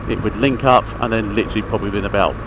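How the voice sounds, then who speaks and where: Fairly low and steady, the man speaks very fast while giving a matter-of-fact, rambling review of his gear from the saddle of his motorbike. Recorded on a helmet mic, the clip is full of engine, traffic and outdoor noise.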